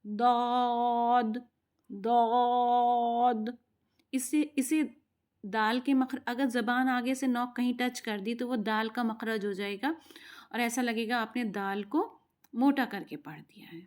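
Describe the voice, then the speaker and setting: A woman gives a spoken recitation lesson in a fairly high voice. She explains patiently and repeats herself step by step. She draws out each demonstration sound slowly. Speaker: Quran recitation teacher.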